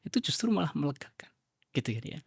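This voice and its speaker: A male religious teacher with a gravelly, husky voice talks through his ideas as a podcast guest. He explains in an animated way and often raises his voice. The sound is dry and close. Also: on the high side, quick pace, dry recording. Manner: animated, acts out quoted dialogue in a raised voice. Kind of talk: podcast conversation.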